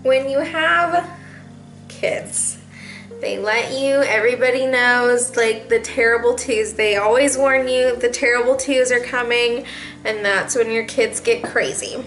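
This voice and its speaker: A woman's voice: on the high side, measured pace, fairly bright tone, faint music behind, low-quality recording. A young adult woman, a mom vlogger, venting casually to camera in a chatty, rambling way with lots of fillers. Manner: chatty, rambling, laughs often, many fillers.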